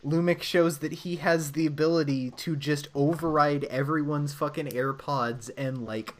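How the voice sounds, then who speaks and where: A man's voice: on the high side, steady tone, moderate pace. A man co-hosting a casual podcast, rambling, swearing freely and laughing often. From United States. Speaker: podcast co-host. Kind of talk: casual chat.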